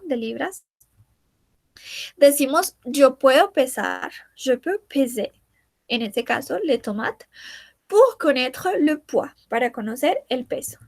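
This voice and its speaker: A woman teaching a language lesson, repeating each word slowly and translating it. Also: sits high, dry recording. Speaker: French teacher.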